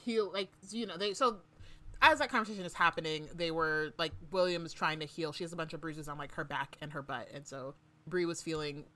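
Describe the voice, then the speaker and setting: A woman's voice: low voice, a little fast, a bit bright. A woman co-hosting a book podcast, chatting casually and summarizing chapters with frequent fillers. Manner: chatty, lots of "like" and "um", laughs often. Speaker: podcast co-host.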